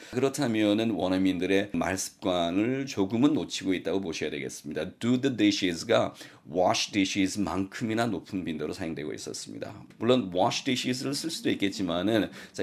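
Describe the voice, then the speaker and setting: A man with a Korean accent teaching English expressions in a lecture, explaining them and slowly drilling the example sentences. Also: low voice. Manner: explanatory, asks rhetorical questions.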